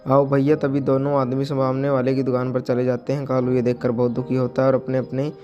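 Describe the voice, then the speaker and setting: Brief: male story narrator, monotone reading, faint music bed. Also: mid-range voice, fairly quick, lo-fi sound.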